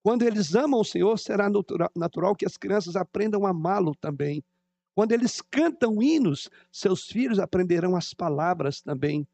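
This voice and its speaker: A middle-aged man preaches in a relaxed, conversational way, wandering into stories from home. His voice sits high, with a gravelly rasp running through it. He talks to the congregation as if chatting with friends. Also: normal speed, dry recording. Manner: conversational, digressive with personal anecdotes. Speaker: pastor. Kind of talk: sermon.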